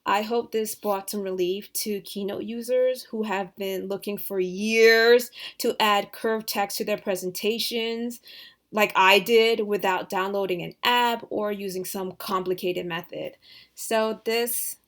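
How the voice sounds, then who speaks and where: A woman giving a casual software tutorial, thinking aloud with hesitant fillers and dropping to soft mutters as she works. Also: mid-range voice, steady tone, a little slow. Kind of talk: screen-recorded tutorial.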